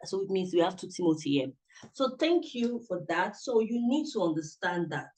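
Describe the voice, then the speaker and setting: With a high, sing-song and slightly mellow voice at a normal speed, a man gives a motivational talk as a summit presenter online. He coaches directly and earnestly, repeating himself often, and speaks into a computer mic over a video call.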